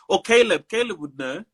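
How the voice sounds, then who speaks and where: A man being interviewed as a guest preacher, talking in a playful, animated way and laughing easily. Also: high voice, husky. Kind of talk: casual interview.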